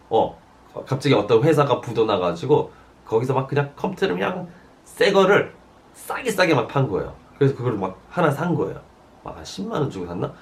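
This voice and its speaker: Male pastor delivering a sermon, lively pitch, storytelling, filler-heavy, loud then hushed. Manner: animated storytelling, frequent fillers, shifting loud and soft.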